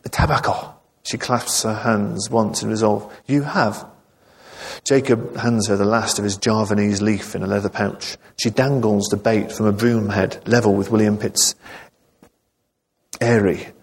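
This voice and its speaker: A man reading his novel aloud to a live audience, telling the story in a measured way with dry asides. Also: fairly low pitch, a little mellow, husky. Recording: long reverb of a large hall.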